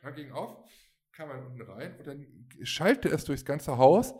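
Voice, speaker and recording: A man's voice: a little high, lively intonation, unhurried, a little mellow, slightly rough. A man in his thirties casually telling a long anecdote, rambling with fillers and acting out the people he quotes. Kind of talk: casual storytelling chat.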